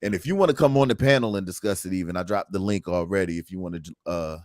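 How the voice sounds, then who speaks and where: A man's voice: deep voice, fast, darkish tone, dry recording, studio quality. A man hosting a casual livestream talk, earnest and reflective, reading viewer comments aloud. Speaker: host.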